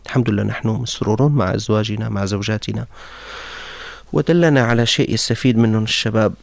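Fast-talking gravelly man hosting radio advice. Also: fairly low pitch, no echo. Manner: calm advising, mixes formal and colloquial Arabic. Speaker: radio show host taking calls.

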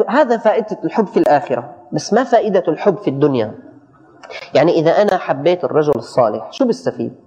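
A man giving a colloquial religious lesson, animated, often stumbling and repeating words for emphasis. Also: high voice. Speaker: religious teacher. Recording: dull audio with long hall reverb.

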